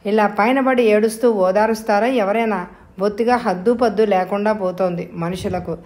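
A woman's voice: medium pitch, normal speed, darkish tone, natural voice. A woman voicing a bitter, domineering middle-aged mother in an audio novel, scolding sharply and wailing laments. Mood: scornful.

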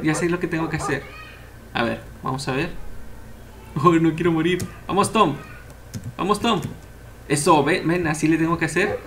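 A young man giving casual, excitable let's-play commentary as he plays, cheering on the characters. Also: fairly high pitch, noisy background. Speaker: gameplay commentator.

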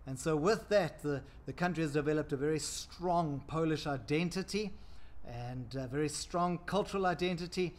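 A man in his forties, a pastor, speaking upbeat to camera, gesturing with his hands and pausing with frequent uhs. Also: fairly high pitch. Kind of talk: church prayer segment to camera. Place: indoor room before a world map.

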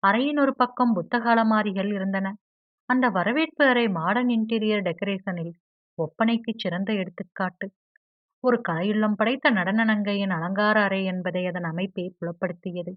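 A woman narrating a novel for an audiobook, reading in a steady, measured way. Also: medium pitch, no room sound. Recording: dry, slightly dull audio.

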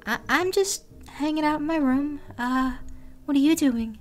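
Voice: high voice, a little slow, faint music behind, voice pushed up. A creator using a voice changer to play a shy, hesitant fifteen-year-old decoy who stammers and trails off. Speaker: host posing as a teen.

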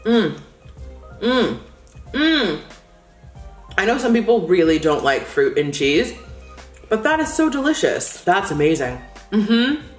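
A woman's voice: medium pitch, very animated, slow, long pauses, roomy sound, faint music behind. A woman vlogging a cheese taste test, talking and murmuring with her fingers at her mouth as she eats. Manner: chatty, savoring, murmurs of delight. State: fingers at mouth while tasting. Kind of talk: casual food taste-test vlog.

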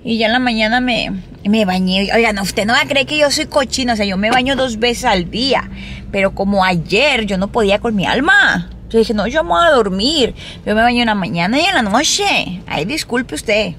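A woman's voice: a little high, lively intonation, moderate pace, fairly bright tone, slight background noise. A woman chatting casually to her viewers in a vlog, talkative and full of exclamations. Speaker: vlogger. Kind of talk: casual vlog chat to camera.

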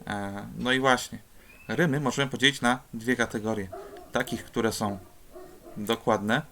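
A man's voice: mid-range voice, steady tone, a little slow, fairly bright tone. A man teaching a lesson on rhymes, explaining step by step in a patient way with occasional hesitations. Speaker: Polish teacher.

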